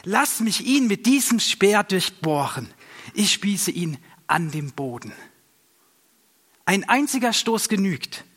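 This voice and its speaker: A man's voice: high voice, big pitch swings, takes it slowly, fairly bright tone, breathy edge, pitched above the performer's own voice, heavily acted. A man doing Abichai, eager young soldier. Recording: long reverb.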